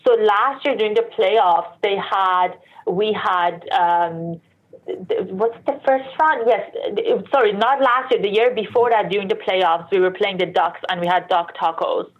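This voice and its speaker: A sports industry professional originally from Iran, who later moved to Canada, answers interview questions casually and conversationally, adding explanations and asides and correcting herself. Her medium-pitched voice is measured in pace, heard through dull, lo-fi, band-limited sound.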